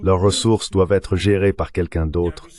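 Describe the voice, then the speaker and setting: This interview answer, dubbed in translation, comes from a Nigerian professor and guest who explains at length like a lecturer, using examples to build his case. He has a low, darkish voice, a steady tone and a normal speaking speed.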